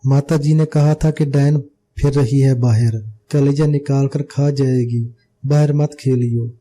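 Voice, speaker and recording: A man's voice: medium pitch, steady tone, a little slow, mellow, close to an everyday voice. A man voicing a scared little village boy who answers timidly, in an audiobook. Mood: frightened. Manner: timid, fearful pleading.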